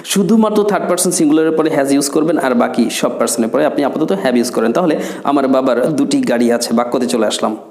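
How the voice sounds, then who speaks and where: A man's voice: mid-range voice, a little fast, darkish tone. A man teaching a spoken English lesson, patiently explaining and repeating words, slipping English phrases into his talk. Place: classroom with board and chair. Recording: echoey room.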